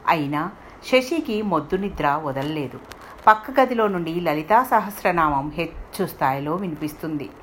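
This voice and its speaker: A woman narrating a story in an expressive, steady reading voice. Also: deep voice, moderate pace, slight background noise.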